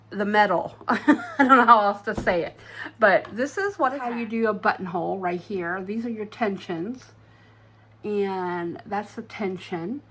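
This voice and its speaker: A woman in her sixties talks casually to her viewers in a home vlog. Her voice sits at an ordinary middle pitch, and she rambles along in a chatty way, breaking into easy laughs. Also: fairly bright tone. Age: 60s. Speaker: sewing and crafts vlogger. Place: at home and out running errands.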